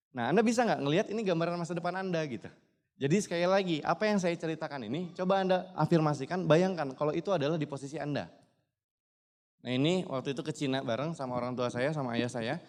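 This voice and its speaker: At a business seminar, a man in his twenties delivers a motivational testimonial, emphatically addressing the audience over and over. His voice is a little high, and the recording carries a long hall reverb.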